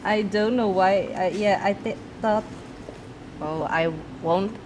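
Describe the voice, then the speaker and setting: A woman's voice: medium pitch, slow pace, background noise. A woman answering an interview question in a self-deprecating, nervously laughing way.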